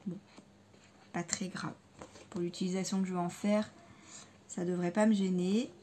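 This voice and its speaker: A woman's voice: on the low side, flat delivery, moderate pace, dark tone, a little hiss or hum. Woman, casual haul vlog, hesitant, lots of fillers, repeats words, enthusiastic, faint background ambience. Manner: enthusiastic about materials. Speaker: scrapbooking vlogger. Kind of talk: casual haul video chat.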